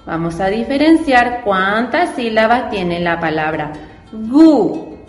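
A woman's voice: a little high, expressive, takes it slowly. A woman teaching children to read, spelling out syllables patiently and asking the class simple questions. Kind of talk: reading and spelling lesson for children. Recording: echoey room with long reverb and faint music.

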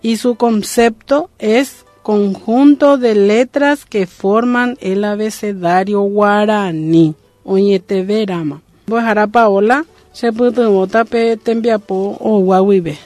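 A woman's voice: medium pitch, takes it slowly, darkish tone, dry recording, soft background music. A woman student presenting a lesson, reading explanations from her notes. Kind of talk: class presentation.

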